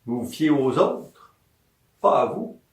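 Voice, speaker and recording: Speaking slowly in a mid-range voice, a man with a Quebec French accent, a massage therapist, delivers an animated, informal health talk. He repeats his points and poses questions he answers himself; the mic is distant in an echoey room.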